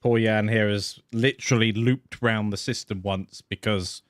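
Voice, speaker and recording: A man's voice: lowish voice, steady tone, measured pace, no room sound, clean studio sound. A British man on a video call, joking along supportively with his co-host in a casual chat.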